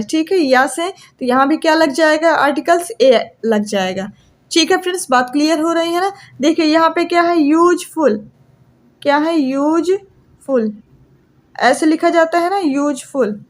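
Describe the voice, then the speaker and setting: High-voiced woman teaching with a Hindi accent. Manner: repeats questions and answers them herself. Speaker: English grammar teacher. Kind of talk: classroom lecture.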